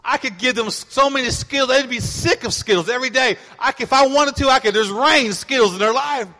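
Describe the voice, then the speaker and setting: A man's voice: very high-pitched, brisk, in a large hall. A middle-aged man preaching a sermon as pastor, telling stories and acting out his kids' voices. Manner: animated storytelling, acting out voices of kids.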